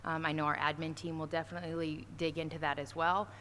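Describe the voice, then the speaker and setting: Her voice sits low and fast, a bit bright, with little pitch movement, as this woman administrator fields questions at a school board meeting. She's casual and filler-heavy at a podium mic, recorded from a far camera in a large, echoey auditorium with faint noise.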